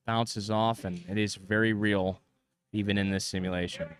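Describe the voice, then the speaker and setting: Low-pitched male golf commentator. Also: fairly even intonation. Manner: measured golf-commentator delivery with broadcast jargon.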